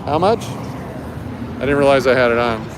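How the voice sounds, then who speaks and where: Animated and speaking at a moderate pace in a mid-range voice, a man livestreams a casual walk through busy nighttime streets. He holds a camera or phone as he moves along the sidewalk by traffic, with street sounds and live music in the background.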